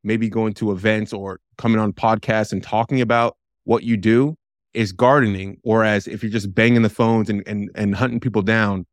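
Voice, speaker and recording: Low-voiced rambling podcast co-host, man. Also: fairly even intonation, normal speed, no room sound. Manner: rambling, many restarts and fillers. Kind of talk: conversational podcast interview.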